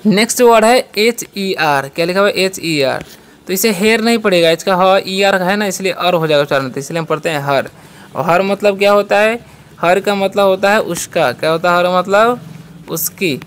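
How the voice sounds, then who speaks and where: A patient teacher leads a beginner language lesson and spells each new word out letter by letter. The teacher keeps quizzing listeners with a question and then answering it. Example sentences come out slowly and carefully. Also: medium pitch. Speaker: English teacher.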